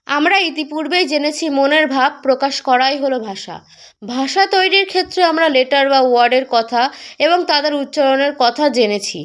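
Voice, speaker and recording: A woman explaining an English lesson, talking straight to the viewer and sounding out example words slowly, syllable by syllable. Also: high-pitched. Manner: addresses the viewer directly. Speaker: English teacher.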